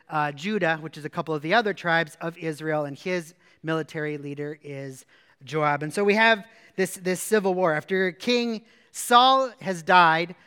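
A male pastor giving a sermon in a relaxed, conversational way, retelling a story in plain words with casual asides. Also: sits high, clear, resonant tone, in a large hall.

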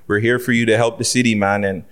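Animated man hosting a podcast. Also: fairly low pitch, fast talker, smooth. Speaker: podcast host. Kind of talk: casual podcast chat with street slang.

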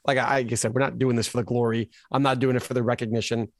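On a laid-back sports podcast, this American co-host races through his stories in a mid-range voice, performing people's quotes with lots of energy. The recording is dry, with a clean studio sound.

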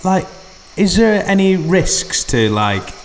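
A man's voice: sits high, sing-song, takes it slowly, slight background noise. A man hosting a podcast, chatting loosely and packing his talk with "like". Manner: chatty, loose, piles up fillers like "like". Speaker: podcast host. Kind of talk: casual podcast chat.

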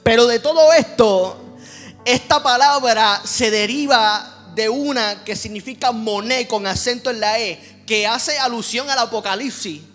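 High, bright-voiced impassioned male preacher. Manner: impassioned, rhythmic repetition, swelling into near-singing. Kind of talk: sermon.

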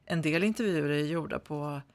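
Answering questions as an author in a conversational interview, a Swedish man speaks standard Swedish in a slightly high voice, with no room sound. He sounds hesitant, often using fillers and starting over.

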